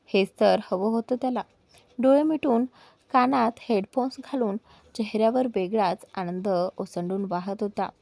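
A woman's voice: mid-range voice, moderate pace, gravelly, mellow, no room sound. A woman narrating a romance story in a conversational storytelling style, with small hesitations.

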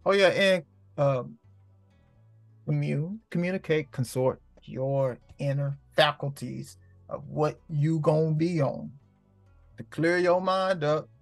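A man's voice: fairly high pitch, slow pace, creaky, dry recording, soft background music. A man hosting a casual spiritual talk, rambling and profane, heavy on street slang. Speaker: host.

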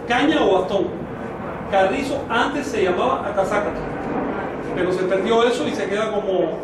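A man's voice: sits high, normal speed, heavy background noise. A man teaching a language class, quizzing his students and prompting them to think. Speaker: Nahuatl teacher. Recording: echoey room from far off.

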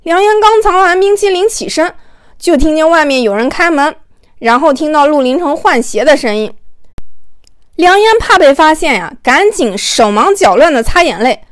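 A woman with a very high voice narrates a story as an audiobook reader, expressive and conversational at a moderate pace. The recording is close and dry, with no echo.

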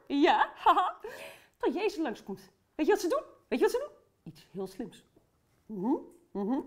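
A woman's voice: high voice, exaggerated voice. A woman playing a cheerful, chatty aunt who tells a Bible story to children and talks to them directly.

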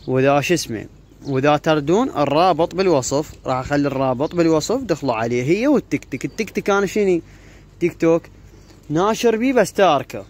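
In a casual phone vlog, a man with an on-the-high-side voice and an Iraqi Arabic accent rambles informally, relying on repeated filler phrases. He is a YouTuber and pigeon keeper filming on a handheld phone in an outdoor pigeon yard with cages, where pigeons coo amid faint noise.

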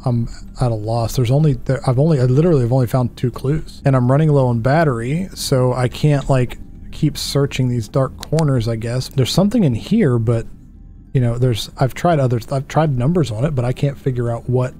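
A gaming streamer in his thirties, a man on a headset, has a mid-range, dark-toned voice and talks fairly quickly over soft background music. He casually narrates a puzzle game in let's-play style, muttering to himself, puzzled and self-deprecating.

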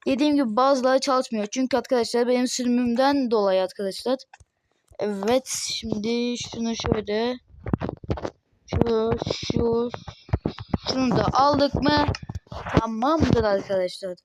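Young Turkish-speaking female gamer, high voice. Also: a little slow, noisy background. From Turkey. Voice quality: voice tone altered, may sound odd. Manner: rambling, says "arkadaşlar" constantly, many fillers. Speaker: gaming channel host. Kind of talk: casual mod showcase commentary.

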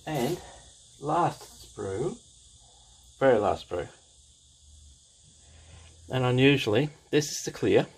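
A man's voice: medium pitch, expressive, slow, long pauses, breathy edge, poor audio. A man casually reviewing a plastic model kit as he shows the parts, enthusiastic and repeating his praise, with fillers.

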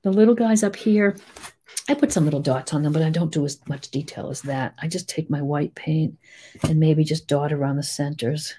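A woman with a Boston accent giving a chatty, rambling step-by-step painting tutorial, full of gentle little asides. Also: sits low, moderate pace, breathy edge. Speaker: painting teacher.

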